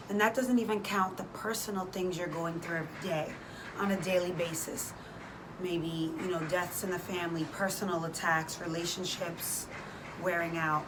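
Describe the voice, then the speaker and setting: A woman hosting a faith and fitness vlog, speaking informally and encouragingly straight to her listeners in a devotional style. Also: on the low side. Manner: informal and exhortative, direct address to listeners. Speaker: host of a faith and fitness challenge. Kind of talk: casual devotional vlog, prayer. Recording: clearly noisy background ambience.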